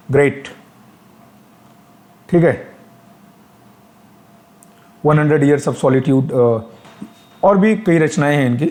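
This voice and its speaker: A man's voice: fairly high pitch, a little mellow, echoey room. A male teacher with an Indian accent giving an exam-prep lecture. He explains step by step, asks questions aloud and works English terms into his talk.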